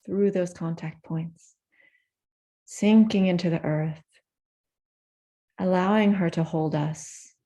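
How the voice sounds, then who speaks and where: In a gentle, unhurried way, a woman guides a meditation, leaving soft pauses between her phrases. Her voice sits on the low side.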